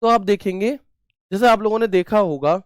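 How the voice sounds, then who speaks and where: A man's voice: high-pitched, normal speed, dry recording, clean studio sound. A man teaching a computer class online, chatty, asking questions and answering them himself with homely examples.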